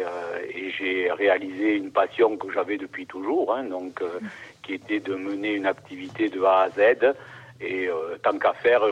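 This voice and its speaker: Calm winemaker, dull radio sound. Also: male voice, on the low side, slightly rough. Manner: calm, measured, many fillers. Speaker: winemaker guest. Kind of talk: radio interview.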